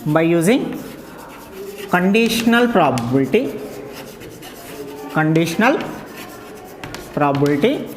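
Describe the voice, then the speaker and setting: A man's voice: a little high, animated, soft background music. Indian-accented man dictating in an echoey room. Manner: dictating slowly in short, repeated phrases. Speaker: maths teacher. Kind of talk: classroom maths lesson. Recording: echoey hall, clear background noise.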